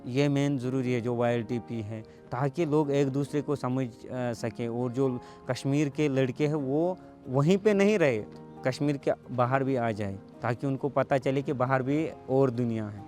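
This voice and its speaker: A man's voice: mid-range voice, a little slow, a little mellow. Man telling his story over music. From Kashmir. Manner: conversational storytelling with hesitant fillers. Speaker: meditation teacher sharing his story. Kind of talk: personal testimonial. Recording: music playing clearly underneath.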